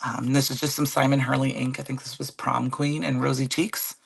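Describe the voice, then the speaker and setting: A woman with a cold and a raspy, hoarse voice, chatting casually as she hosts a live card-making demo and greets viewers by name. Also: a bass voice, little pitch movement, brisk, no echo. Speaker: card-making livestream host.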